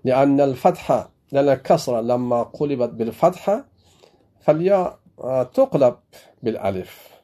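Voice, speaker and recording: A man's voice: mid-range voice, expressive, moderate pace, mellow. A man from Afghanistan, a religious teacher giving a grammar lesson and repeating each example several times.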